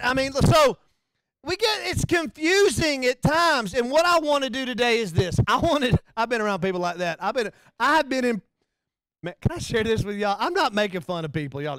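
A man preaching a conversational sermon, animated and joking, sometimes acting out bits in a low hushed voice. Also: no room sound. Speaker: pastor.

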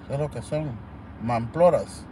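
A man's voice: mid-range voice, moderate pace, warm tone, a little hiss or hum. A man hosting a live stream in blunt, scornful and crude casual talk. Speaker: livestream host.

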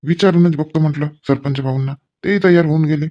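A man's voice: a little high, fairly even intonation, fast talker, dull audio. A man playing a village husband in a comic sketch, coaxing and placating his wife. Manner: coaxing, placating, rustic banter.

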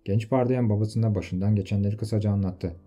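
Male audiobook narrator, very low dark voice, faint music under it. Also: brisk. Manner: steady storytelling. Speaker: audiobook reader. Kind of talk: scripted novel narration.

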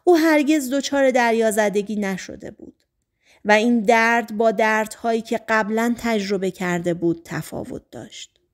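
A woman narrating a novel in a calm, measured reading voice. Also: a little high. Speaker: audiobook narrator. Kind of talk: scripted narration.

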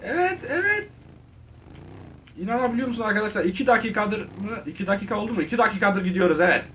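A man giving casual, excitable commentary on his gameplay, talking straight to his viewers and shouting at the game. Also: sits high, racing, far from the mic, a little hiss or hum. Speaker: gaming video host.

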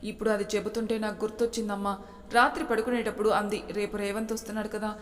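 A woman voicing a calm grown son gently reassuring his mother, in a storybook reading with a long hall reverb. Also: mid-range voice, fast, natural voice. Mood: soothing.

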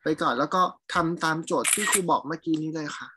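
A woman teaches a live programming lesson, chatting and thinking out loud as she demonstrates code, addressing her student by name and checking that they follow. Her voice is low and she talks fast, with noise in the background.

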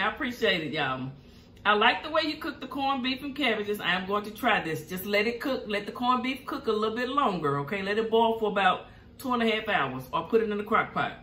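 A middle-aged mukbang host with a Southern US accent sits at a table in a room at home, chatting, reading viewer comments aloud, and humming as she savors her food between bites. Her mid-range voice is bright and forceful, with reverb and slight background noise.

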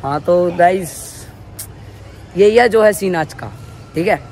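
A man's voice: high-pitched, takes it slowly, a little hiss or hum. A young man hosting a casual vlog, chatting and teasing friends, filmed on a phone held at arm's length. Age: young adult. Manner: chatty, teasing, loud bursts. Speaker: vlogger. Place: home rooftop and streets, outdoors and indoors.

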